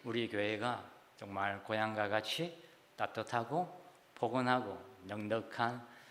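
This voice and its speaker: Middle-aged man, Gyeongsang accent, pastor's sermon, bright tone, long church reverb. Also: lowish voice, a little slow. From South Gyeongsang, Korea. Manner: warm, chatty preaching with frequent "ye" fillers. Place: church sanctuary.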